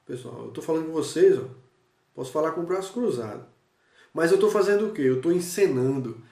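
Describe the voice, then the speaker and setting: A male teacher giving a recorded review lesson, speaking straight to his students and checking in often with quick questions. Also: a little high, lively intonation, gravelly, dark tone. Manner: talks straight to students, checks in with frequent "certo?" and "né?"; demonstrates with gestures and changes of voice. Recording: echoey room, voice from a distance.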